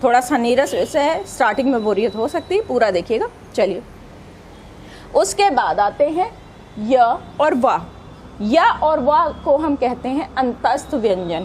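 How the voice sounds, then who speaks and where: A woman's voice: sits high, big pitch swings, a little slow, darkish tone, slight background noise, low-quality recording. A woman teaching an exam-prep grammar lesson, patiently sounding out letters one by one and asking questions she then answers herself.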